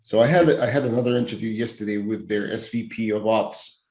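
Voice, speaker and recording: A man's voice: fairly low pitch, fairly quick, a little mellow. A man co-hosting a podcast, chatting casually and rambling with many restarts. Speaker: podcast co-host. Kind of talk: casual chat. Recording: roomy echo.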